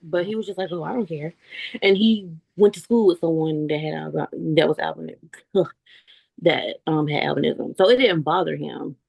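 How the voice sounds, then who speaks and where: Gravelly-voiced woman chatting on a call. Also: sits low, normal speed, darkish tone. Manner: chatty, laughs often, calls the listener honey. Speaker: interview guest. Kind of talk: casual video-call interview. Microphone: video call.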